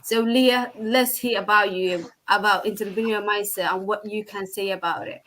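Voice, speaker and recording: A woman from Somalia hosting a live online talk, pausing often with many ums. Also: mid-range voice, fairly even intonation, fairly bright tone, slight background noise, poor audio. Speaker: host. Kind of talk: live video chat hosting.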